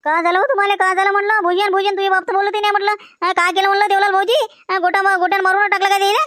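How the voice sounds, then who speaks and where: A woman's voice: extremely high pitch, level tone, very fast, fairly bright tone, no room sound, clean studio sound. A woman acting as a distraught village widow in a comedy skit, insistent and speaking in a Varhadi Marathi accent. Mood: shocked.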